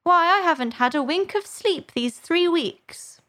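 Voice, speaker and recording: A woman's voice: extremely high pitch, lively intonation, a little slow, a bit bright, pitched above the performer's own voice, heavily acted. A woman voicing a frantic, scolding mother pigeon in an indignant, accusatory way for a storybook. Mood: shrieking exasperation. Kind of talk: storybook character voice.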